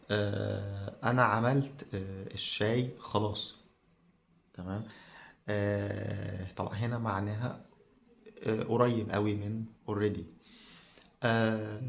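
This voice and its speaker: A man with an Egyptian Arabic accent teaching a podcast language lesson, slow and halting with many drawn-out fillers. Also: fairly low pitch, creaky.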